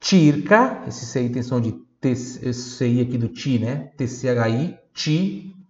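A male language teacher, talking at an unhurried, deliberate pace through a pronunciation lesson. He explains sounds patiently and drills each phrase by slow repetition. The recording is a bit dull and lo-fi. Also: medium pitch, dark tone. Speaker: Italian teacher.

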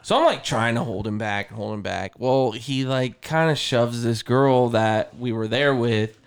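A man on a casual podcast telling a long story. He talks in a rambling, profane way, packed with "like" and "you know", and mimics other people in quick asides. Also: mid-range voice, smooth.

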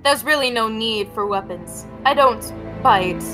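Woman as wicked fairy-tale queen: high voice, haughty theatrical menace, music underneath. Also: measured pace, lightly acted. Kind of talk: theatrical audio drama acting. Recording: music behind the voice.

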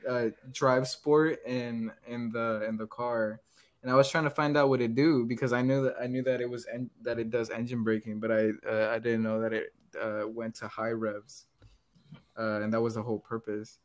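A man's voice: mid-range voice, flat delivery, normal speed. A young man hosting a casual podcast, telling a story with lots of fillers and restarts and frequent laughs. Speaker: podcast host. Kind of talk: casual chat.

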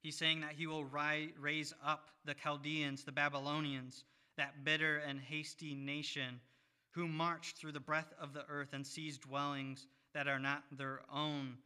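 A man preaching a sermon, reading scripture in a measured way with pauses. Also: fairly high pitch, level tone, pushed and bright, clean tone.

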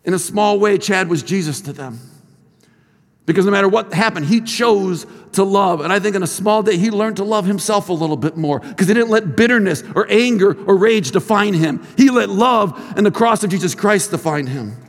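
A man's voice: high-pitched, moderate pace. A middle-aged man, head of a school, giving an earnest chapel sermon with stories and a closing prayer. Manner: earnest storytelling, acts out quoted voices. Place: large hall at a college chapel. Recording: long hall reverb.

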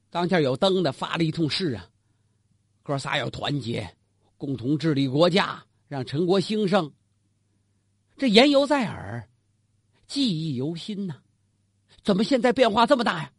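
A male storyteller, performing a traditional tale straight to his listener. His voice sits high and a bit husky, swinging widely as he asks and answers his own questions. The recording is close and dry. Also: no echo.

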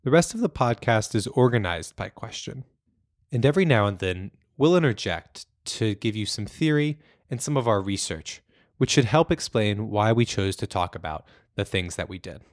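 A young man hosts a student podcast in a measured, scripted read. His voice sits on the low side. The recording is close and dry, with no room sound around it. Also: lively intonation, dry recording. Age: young adult. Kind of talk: scripted narration.

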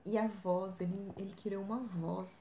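A woman's voice: medium pitch, fairly even intonation, normal speed, dark tone. A young woman co-hosting a podcast, chatting casually and exclaiming often. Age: young adult. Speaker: podcast co-host. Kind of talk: casual chat. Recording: echoey room, faint background noise.

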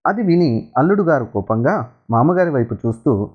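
Guy reading a story out, very lively up and down voice, sounds like over a phone. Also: mid-range voice, moderate pace, dull audio. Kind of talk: storybook narration.

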